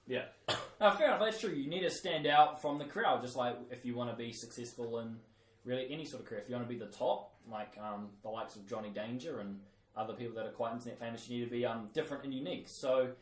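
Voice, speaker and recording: A man's voice: mid-range voice, fast talker, far from the mic. A man with a New Zealand accent hosting a podcast, leading segments in loose, jokey, self-mocking banter. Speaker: podcast host. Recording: roomy, off-mic.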